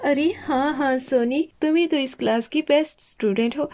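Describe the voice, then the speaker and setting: A woman's voice: sits high, moderate pace, a little mellow. A woman voicing a strict female schoolteacher doll in a doll play story, bossy and hurrying the class along. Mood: stern.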